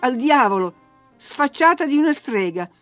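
A woman's voice: high voice, animated, moderate pace, a bit bright, no echo, faint music behind, voice pushed up. A woman voicing a rude, surly young farm lad who growls his insults, in a storybook reading. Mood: snarling.

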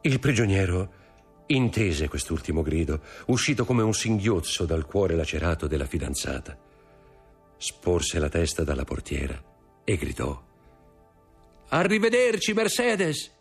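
A man narrating an audiobook in an expressive storytelling manner. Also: rumbling low, moderate pace, slightly rough, soft background music. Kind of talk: audiobook reading.

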